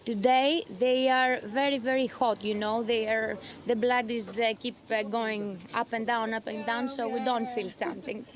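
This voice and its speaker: A woman's voice: a little high, steady tone, moderate pace, hardly any pauses, slight background noise. A woman from Greece with a Greek accent, a triathlete answering trackside interview questions outdoors, hesitant and searching for words in English. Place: outdoors at a race aid station.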